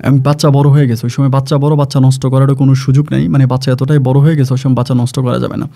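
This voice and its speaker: In casual first-person storytelling, a man who works as a migrant gardener recounts his own experience as a worker, wandering and repeating himself frequently. He races along in a medium-pitched, flat, creaky voice with a dark tone.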